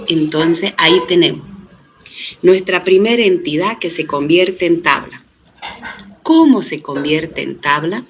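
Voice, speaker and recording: A man's voice: fairly high pitch, lively intonation, a little slow, slight background noise, rough recording. Patient middle-aged man teaching databases. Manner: patient step-by-step explaining, with frequent tag questions to students; uses 'este' as a filler and often restarts words. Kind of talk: recorded lecture.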